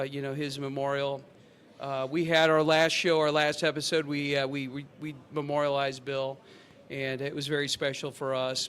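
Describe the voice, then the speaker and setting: A man hosting a fire service podcast, talking with many pauses and restarts. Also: on the high side, fairly bright tone. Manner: halting, many fillers and restarts. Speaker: podcast host. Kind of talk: casual podcast chat.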